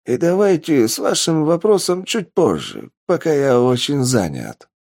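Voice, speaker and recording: A man voicing a mild male professor who answers in a polite, placating way, a little above his own pitch. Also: big pitch swings, unhurried, gravelly, a little mellow, full character voice.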